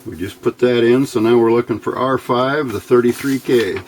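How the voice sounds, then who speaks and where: A man leads an informal, hands-on electronics tutorial as a hobbyist instructor, thinking aloud unscripted as he works. His voice is mid-range at a moderate pace, and the recording carries a little hiss or hum.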